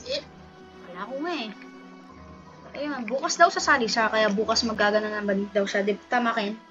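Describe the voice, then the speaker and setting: A woman's voice: on the high side, normal speed. A woman casually commenting on her game, playfully teasing and calling out to her fellow players. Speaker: gameplay video host. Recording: dull lo-fi sound with music behind. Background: background music.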